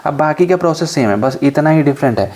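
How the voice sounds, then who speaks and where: A man teaching finance as a tutor, walking through worked examples step by step in a chatty way. He repeats steps in quick drills and adds joking asides. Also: a little high, expressive, darkish tone. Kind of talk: screen-recorded worked-example lesson.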